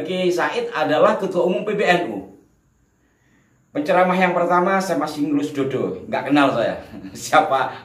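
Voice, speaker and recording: A man's voice: on the high side, reverberant, far from the mic. A man hosting a channel, giving an earnest commentary monologue to his audience. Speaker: channel host.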